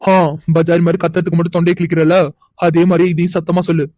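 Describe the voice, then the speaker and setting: A man's voice: on the high side, completely flat delivery, fast talker, warm tone, no echo, natural voice. A man voicing a mocking young man in a cartoon, teasing and taunting. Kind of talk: cartoon voice acting.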